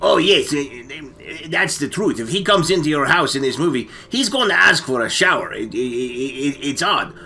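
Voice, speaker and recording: A man co-hosts a casual comic movie discussion, telling stories for laughs while hesitating, stammering and often repeating his words. His voice is fairly high, expressive, bright and forceful, moving at a moderate pace with few pauses.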